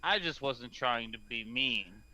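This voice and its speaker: Man, tabletop player, rambling and hesitant, bright voice, slow. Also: medium pitch, expressive. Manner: hesitant, rambling with many fillers. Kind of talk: tabletop game play.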